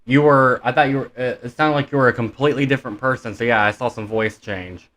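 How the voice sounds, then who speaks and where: Bright-voiced young man rambling. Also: mid-range voice, fairly even intonation, quick pace. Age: 20s. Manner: rambling with many fillers. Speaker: reaction video host. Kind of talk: casual chat.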